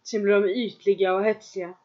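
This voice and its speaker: Speaking in a medium-pitched, mid-range voice, a woman leads listeners through a trance meditation. She gives calm, measured second-person instructions with long pauses between lines, and the recording sounds dull and lo-fi.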